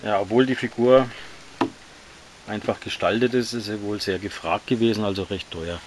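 A man casually reviewing action figures, talking in a relaxed, slightly halting way while he handles them. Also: fairly low pitch, a little hiss or hum.

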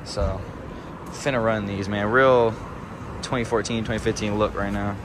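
A young man narrates his car vlog in a low-pitched, laid-back voice, throwing in plenty of slang and swearing. Clear noise from the garage and the road runs behind him the whole time. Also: fairly even intonation, normal speed. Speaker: car vlogger.

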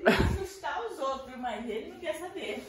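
A woman's voice: high-pitched, expressive, moderate pace, a loud crowd. Older Brazilian grandmother, dramatic and laughing. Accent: Brazilian Portuguese. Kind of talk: casual family chat. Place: home kitchen and living room, indoors. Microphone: phone camera held nearby. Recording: echoey home room with background noise.

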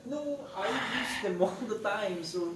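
A Filipino man speaks as a relaxed-worded coach, moving between breathing cues and casual chat. The room is echoey, and music plays behind his voice. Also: high voice, measured pace, recorded from a distance.

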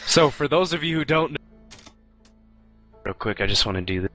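A young man co-casting an online game match, making quick announcements and teasing his partner. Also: on the high side, expressive, sharp tone, soft background music, rough recording. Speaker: esports caster. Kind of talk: live esports commentary.

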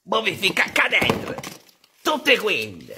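A woman voicing a foul-mouthed, bossy male crab chief, yelling crudely in a comic fan dub. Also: huge pitch swings, slow. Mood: frantic. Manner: yelling, crude, squeaky cartoon voice. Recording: loud background noise.

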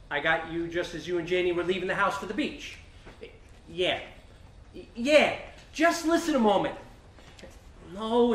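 A stage actor in a live comedy plays a flustered middle-aged man baffled by a giant meatball, his slightly bright voice pitched very high and swooping wildly as he fumes. Exasperated, he rambles to himself. The sound is roomy and distant, caught from across a theater stage over a faint hiss.

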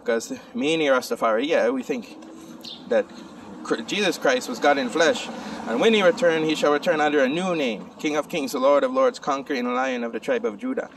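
A man's voice: fairly high pitch, very animated, normal speed, gravelly. A young man talking in Rasta speech to camera, reasoning informally with insistent, preacher-like repetition. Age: young adult. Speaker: vlogger. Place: outdoors under open sky and trees. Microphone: phone held at arm's length. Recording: distant phone recording with outdoor noise.

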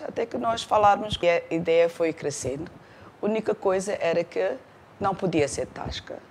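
Older woman, restaurant owner, gravelly and measured, faint room noise. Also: fairly low pitch. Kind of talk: interview. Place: indoor room.

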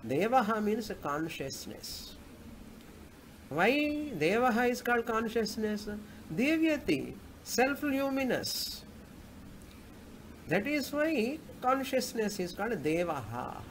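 A man's voice: on the high side, poor audio. A man with a South Indian accent teaching a scripture class, explaining didactically by asking and answering his own questions. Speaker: Vedanta teacher. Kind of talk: spoken scripture class with chanted Sanskrit verses. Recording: clear background noise.

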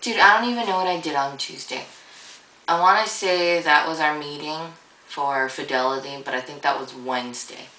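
A woman's voice: deep voice, normal speed, pushed and bright, roomy sound, distant mic, poor audio. A young woman vlogging in a rambling, casual way, full of fillers and easy swearing, with a groggy morning voice. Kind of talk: casual vlog monologue.

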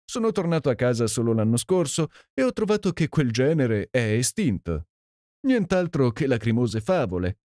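A man reading an audiobook and voicing a boisterous, jovial Canadian gentleman with a hearty, exclamatory manner. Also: medium pitch, big pitch swings, normal speed, dry recording, pitched above the performer's own voice, lightly acted. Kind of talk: audiobook character voice. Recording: dry close sound.

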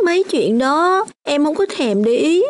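A young orphan girl in a radio play, her voice pitched high. She speaks with stubborn, hurt insistence. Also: animated, a little slow. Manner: sulky, tearful insistence. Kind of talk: radio drama acting.

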